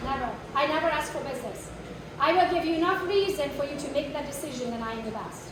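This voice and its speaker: A real estate marketing trainer with a foreign accent runs a live workshop for realtors in a training room full of people, talking fast in a high voice. She's blunt, swears occasionally, and keeps throwing questions at the audience. The recording is noisy and echoey, with the mic far away.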